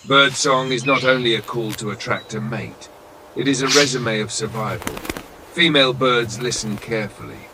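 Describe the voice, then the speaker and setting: A man reading scripted nature documentary narration in a solemn, dramatic manner, with short measured phrases and weighted pauses. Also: medium pitch, noisy background. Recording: loud nature ambience of birds and insects.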